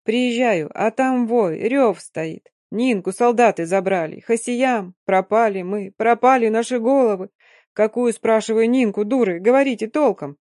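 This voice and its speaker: A woman's voice: on the high side, unhurried, dry recording, clean studio sound, natural voice. Woman voicing a fierce old Romani nomad woman. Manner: loud, scolding, emphatic.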